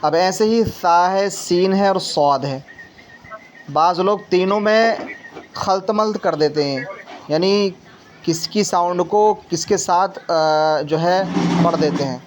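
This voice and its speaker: A man teaching Quran reading in a tajweed lesson. He explains slowly, keeps tagging his sentences with a little "na", and says each letter sound over and over for the learner. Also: high-pitched, a little hiss or hum. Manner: leans on the filler tag "na" while explaining.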